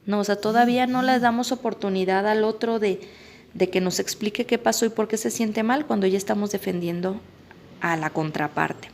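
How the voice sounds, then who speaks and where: Lady psychologist going over a parenting book, chatty, bit of vocal fry. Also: medium pitch, fairly even intonation, a little fast, darkish tone, slight background noise. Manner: conversational, acts out parent and child quotes. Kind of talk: book summary talk.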